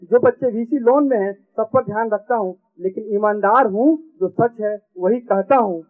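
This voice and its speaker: A man's voice: high voice, moderate pace, lightly acted. A man voicing a nosy male CCTV camera that scolds in sing-song rhymes and repeats each warning twice, on a tinny recording. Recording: tinny phone-like sound.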